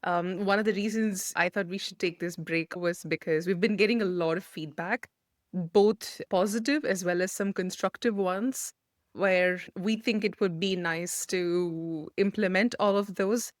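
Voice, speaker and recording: A woman's voice: medium pitch, measured pace, dry recording, studio quality. A woman born and raised in India, co-hosting a podcast and telling stories in a chatty, enthusiastic way. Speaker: podcast co-host. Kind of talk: casual chat.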